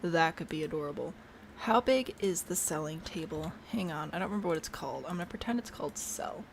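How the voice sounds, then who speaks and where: A woman's voice: low voice, animated, brisk, creaky, a little hiss or hum. A woman chatting casually to herself while she builds in a video game, bubbly and prone to trailing off mid-thought. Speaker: game streamer.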